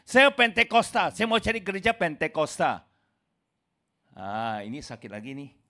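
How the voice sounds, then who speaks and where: A man preaching a sermon in an emphatic way, calling his listeners brothers and sisters, swinging from loud exclamations to low asides. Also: very animated, normal speed. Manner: addresses listeners as "saudaraku".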